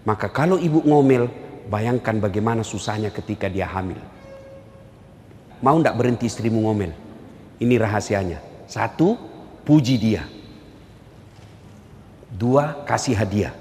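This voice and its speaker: A man giving a humorous sermon, telling animated stories and acting out quotes. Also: on the low side, unhurried, pauses often. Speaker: preacher. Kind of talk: humorous religious lecture. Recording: hall reverb, faint ambience.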